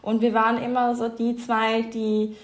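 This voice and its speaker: A woman's voice: on the high side, completely flat delivery, a little slow. A woman in her thirties from Switzerland with a Swiss accent, a company co-founder chatting as a podcast guest with many fillers and frequent laughs. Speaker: fashion label co-founder, guest. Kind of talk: casual podcast interview.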